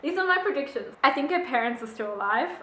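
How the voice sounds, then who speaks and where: Young woman book vlogger, animated and opinionated, bright voice, echoey room. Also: high-pitched, quick pace. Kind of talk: casual book review chat.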